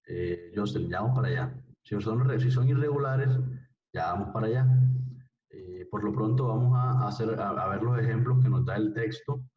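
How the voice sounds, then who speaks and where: A man's voice: fairly low pitch, normal speed. A man teaching a language class, patiently repeating phrases and often checking that his students follow. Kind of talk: classroom lesson. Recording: distant, roomy, dull sound.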